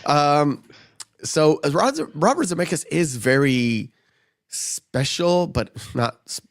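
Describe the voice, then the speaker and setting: Sniffly gravelly-voiced man hosting a podcast. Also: on the high side, expressive, slow, no echo, studio quality. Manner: joking, rambling, frequent fillers. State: sick, coughing and sniffling. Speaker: podcast host. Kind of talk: casual chat.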